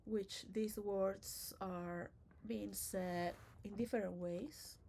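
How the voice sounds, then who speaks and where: A woman from Venezuela with Spanish as her first language talks through a slow, digressive vlog at an ordinary mid pitch. She is blunt and swears casually, and a faint hum of room ambience sits behind her. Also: steady tone, gravelly, mellow. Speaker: vlogger. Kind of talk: casual rambling monologue. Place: recorded at her own setting, she shows on camera.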